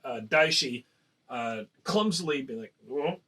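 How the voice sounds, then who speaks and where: A man narrating a tabletop game as game master, pausing often with fillers and restarts. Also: fairly high pitch, animated, fairly bright tone, low-quality recording. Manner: hesitant, many fillers and restarts.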